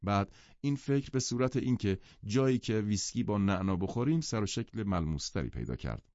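A man narrating a novel as an audiobook, in a measured, even delivery. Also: lowish voice, no echo. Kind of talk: audiobook reading. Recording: dull lo-fi audiobook sound.

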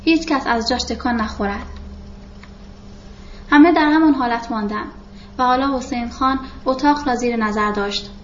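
Woman narrator for a novel reading; measured, steady delivery, somewhat high voice, echoey room. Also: slight background noise. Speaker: audiobook narrator. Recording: roomy, dull lo-fi recording.

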